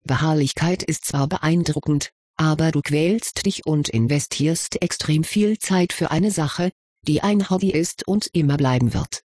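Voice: mid-range voice, measured pace, a little mellow, no room sound, clean studio sound, lightly acted. A reader voicing a sensible, lightly ironic schoolboy wizard in an audiobook of fan fiction, talking in a level, lecturing way. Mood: reasoning, dry.

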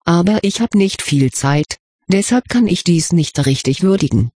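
A reader voicing a brusque, hurried young male wizard with a sarcastic, impatient way of talking, in an audiobook. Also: mid-range voice, expressive, dark tone, slightly rough, dry recording, clean studio sound. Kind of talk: audiobook character reading.

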